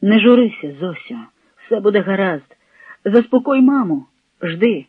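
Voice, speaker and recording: A man's voice: high voice, animated, unhurried, slightly rough, dry recording, narrow, tinny audio, exaggerated voice. A man voicing a brave young peasant man, earnest and tender.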